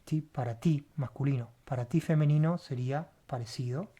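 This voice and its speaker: This word-by-word Bible language lesson comes from a Hebrew teacher who spells letters, repeats sounds and tags each step with a questioning "right?" The medium-pitched voice is mellow and slightly rough at a normal speed, heard through lo-fi sound.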